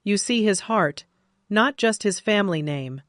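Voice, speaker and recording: A woman's voice: mid-range voice, animated, measured pace, dry recording, clean studio sound, lightly acted. A woman reading the lines of a kind, welcoming older mother-in-law, a retired teacher.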